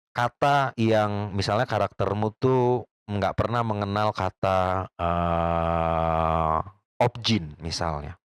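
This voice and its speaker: A man explains acting in a relaxed, chatty lesson, tossing out rhetorical questions and slang asides. His pitch swings up and down a lot as he talks. The recording is dry and close, with no room sound. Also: dry recording. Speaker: acting teacher. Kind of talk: casual acting lesson to camera.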